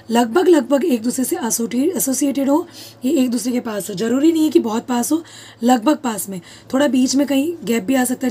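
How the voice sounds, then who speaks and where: A woman's voice: high-pitched, mellow, slightly rough. A woman teaching a lesson who asks questions, answers them herself and repeats key terms, speaking words. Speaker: English teacher. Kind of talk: classroom-style lesson.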